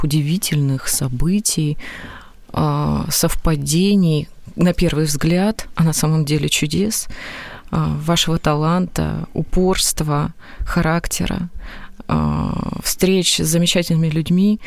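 A host asks the guest elaborate, formal questions in long, winding sentences. The voice has a gravelly edge, and the recording is dry and close. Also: medium pitch, a little mellow, no echo.

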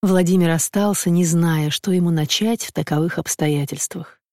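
A woman narrating a classic novel in a steady, measured storytelling manner. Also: lowish voice, dry recording, clean studio sound. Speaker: audiobook reader. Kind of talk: scripted narration of classic prose.

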